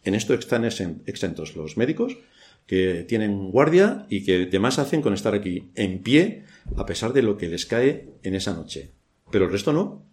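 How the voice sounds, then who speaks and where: A man's voice: on the low side, big pitch swings, normal speed, darkish tone. A man from Spain with a Spanish accent preaching a church sermon, asking rhetorical questions and adding dry ironic asides.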